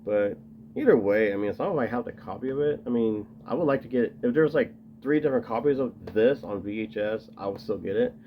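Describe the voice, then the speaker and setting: A man's voice: medium pitch, lively intonation, brisk, muffled recording, a little hiss or hum. A man casually rambling to camera as he shows off his collection, enthusiastic and full of fillers. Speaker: video host showing his tape collection.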